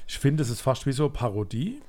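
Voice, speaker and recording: A man's voice: medium pitch, very animated, quick pace, darkish tone. A man co-hosting a casual music podcast, giving blunt, jokey opinions on songs. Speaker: podcast co-host reviewing an album. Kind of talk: casual chat.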